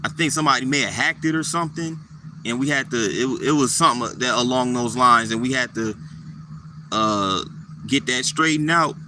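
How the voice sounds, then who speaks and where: A man casually talking to his live chat viewers, relaxed and repetitive, answering people by name. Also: mid-range voice, moderate pace, a little hiss or hum. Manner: laid-back, repeats himself, answers viewers by name.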